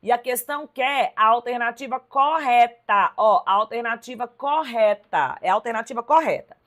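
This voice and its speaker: A Brazilian woman teaching a live online class, correcting exam questions in a lively, emphatic way and talking straight to her viewers. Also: fairly high pitch, moderate pace. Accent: Brazilian Portuguese. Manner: lively, emphatic, addresses viewers directly with "ó" and "tá vendo?". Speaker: Portuguese teacher.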